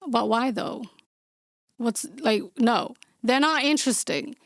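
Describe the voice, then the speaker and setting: This podcast host, a young woman with a Somali accent and a fairly high, creaky voice, runs a casual Q&A in a blunt, outspoken style with dry sarcastic quips. She speaks at a slow pace, and the sound is close, dry, and echo-free.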